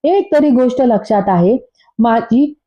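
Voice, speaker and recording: A woman's voice: on the high side, measured pace, warm tone. A woman voicing a young wife who argues back with indignant, sarcastic retorts. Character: bickering young wife defending herself. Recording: dull lo-fi recording.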